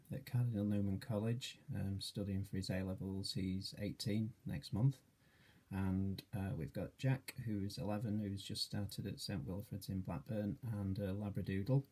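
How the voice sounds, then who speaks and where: A man's voice: lowish voice, steady tone, a little slow, mellow, breathy edge. A man in his late forties from Yorkshire, introducing himself in a video as a charity trustee, hesitant and modest with many fillers. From Yorkshire, England. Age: 40s.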